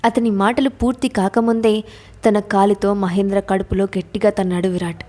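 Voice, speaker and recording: A woman storyteller reads a suspense story as a steady, scripted narration. Her voice is mellow and warm, pitched in the middle range, and her delivery stays even throughout.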